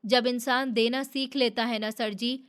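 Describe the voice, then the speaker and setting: A woman's voice: a little high, fairly even intonation, a little slow, fairly bright tone, clean tone. A woman voicing a grief-stricken middle-aged man who talks in a weary, pleading way.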